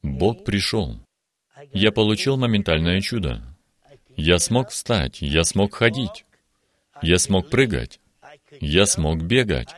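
A man's voice: low voice, sing-song, slow pace, pauses often. A man in his eighties giving an earnest, emphatic religious testimony on a television studio program. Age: 80s. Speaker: guest giving a healing testimony.

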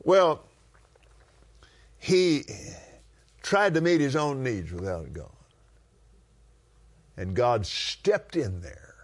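Very animated and mid-range in voice, a man from West Texas preaches through the Bible in a conversational way. He leans into drawn-out, emphatic phrasing in his West Texas accent.

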